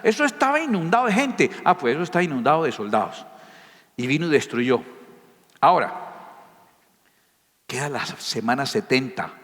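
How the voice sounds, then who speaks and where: A man's voice: on the high side, very animated, normal speed, long pauses, fairly bright tone. A man preaching a sermon as a pastor, emphatic and firing rhetorical questions at his listeners. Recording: reverberant hall.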